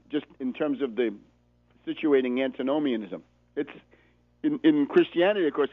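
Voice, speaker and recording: On a political radio program, an American man whose voice runs on the high side delivers a sardonic monologue, emphatic and repetitive for rhetorical effect. The sound is dry and phone-like in its narrowness.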